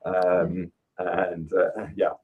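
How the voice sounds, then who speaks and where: Husky low-voiced man in his fifties. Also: level tone, extremely slow, narrow, tinny audio. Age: 50s. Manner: earnest, reflective, frequent fillers. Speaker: podcast guest. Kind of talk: interview conversation.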